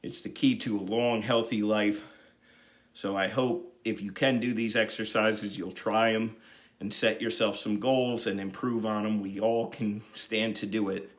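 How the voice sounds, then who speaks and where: A man's voice: lowish voice, steady tone, a little slow. A man leading a home exercise lesson, chatty and encouraging, cracking jokes as he jogs in place in his apartment. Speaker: exercise instructor. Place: apartment room. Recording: roomy echo, mic at a distance.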